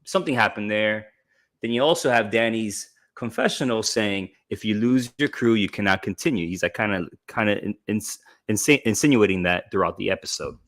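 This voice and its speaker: A man co-hosting a casual chat podcast, animated and prone to quick restarts. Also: fairly low pitch. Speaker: podcast co-host.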